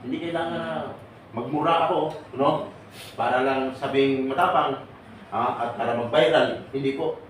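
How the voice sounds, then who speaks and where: A man's voice: medium pitch, moderate pace. A man giving an earnest seminar talk to an audience, often checking in with rhetorical questions. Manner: earnest, rhetorical, keeps asking "no?" and "tama?". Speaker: OFW assistance advocate. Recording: echoey room with faint background noise.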